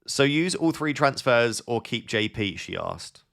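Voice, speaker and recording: A young man hosting a casual live stream, reading viewers' messages aloud and thinking out loud with quick, offhand advice. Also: medium pitch, animated, gravelly. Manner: thinks aloud with fillers and restarts. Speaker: live-stream host answering chat.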